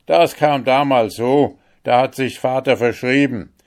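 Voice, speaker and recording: A man voicing an old emperor in a fairy tale, loud and proclaiming. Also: medium pitch, steady tone, a little slow, voice pushed up, lightly acted. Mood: delighted. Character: old emperor, commanding and jovial.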